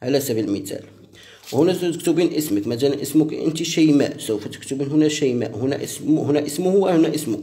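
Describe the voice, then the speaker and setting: A man from Morocco, a sheikh, giving slow step-by-step instructions and repeating each phrase as he dictates. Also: a little high, animated, dark tone. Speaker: sheikh teaching a ritual.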